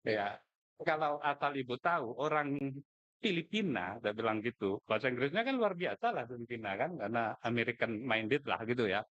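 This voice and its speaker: A man's voice: mid-range voice, animated, normal speed, dull audio. A middle-aged man from Madura, giving an informal, joking speech at a contest. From Madura, Indonesia. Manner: chatty, joking, colloquial asides.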